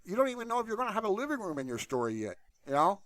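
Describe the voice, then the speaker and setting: A man hosting a tutorial channel talks fast in a high, fairly bright voice with big swings in pitch. His unscripted screen-share chat is blunt, rambling and colloquial, recorded on a close mic.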